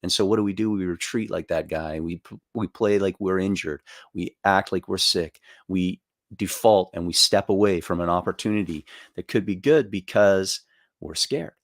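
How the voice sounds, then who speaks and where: A middle-aged man tells a story during a motivational talk, in a loose and conversational way with a few restarts. His voice sits fairly low. The sound is dry, with no room echo. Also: moderate pace. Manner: storytelling, acts out quoted voices with jumps in pitch; loose, chatty with fillers and restarts. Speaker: motivational speaker.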